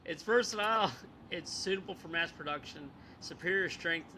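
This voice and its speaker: A man's voice: a little high, fairly even intonation, moderate pace, pushed and bright, slight background noise, rough recording. A man co-hosting a podcast, explaining things in a rambling casual way, laughing often and losing his place. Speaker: podcast co-host. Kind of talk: casual chat.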